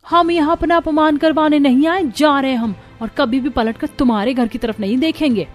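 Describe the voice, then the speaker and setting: A woman's voice: sits high, moderate pace, faint music behind, natural voice. A woman voicing a nosy, traditional middle-aged female guest who scolds sharply in a cartoon story. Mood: offended.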